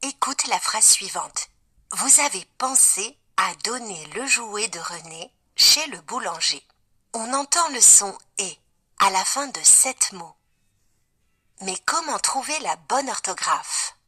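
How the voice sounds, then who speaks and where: Slow, bright woman explaining spelling. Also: mid-range voice, expressive, slightly rough. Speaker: teacher voice of a learning app. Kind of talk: scripted spelling lesson.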